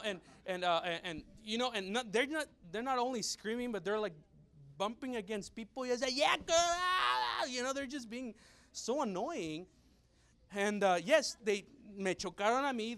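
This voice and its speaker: Animated bilingual young man preaching. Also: on the high side. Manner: switches between English and Spanish, animated mimicry of loud women. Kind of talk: bilingual church teaching, storytelling.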